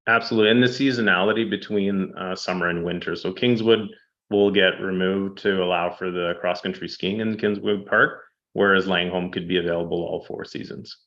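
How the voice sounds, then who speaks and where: A man presenting statistics to a city council, steady and fact-heavy, with frequent ums. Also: low voice, fairly quick, dull audio. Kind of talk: public presentation. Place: council chamber.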